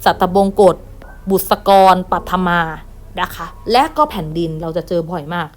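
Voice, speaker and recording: A woman teacher giving an online lesson to primary pupils, reading words aloud one by one and gently repeating them. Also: lowish voice, normal speed. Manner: patient, reads each word aloud and repeats with gentle "na kha" tags. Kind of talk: online class lesson, reading word lists.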